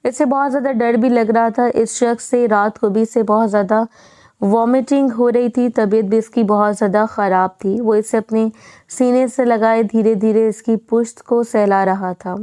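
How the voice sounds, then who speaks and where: A woman narrating a romance novel aloud in a steady storytelling manner. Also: a little high, clear, resonant tone, no room sound.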